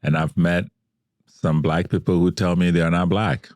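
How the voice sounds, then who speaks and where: A man's voice: low-pitched, level tone, normal speed, darkish tone, dry recording, studio quality. A middle-aged man, a podcast guest, telling a story in an earnest, emphatic way and repeating words for stress. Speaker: guest, civil rights organization president. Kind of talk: conversational storytelling.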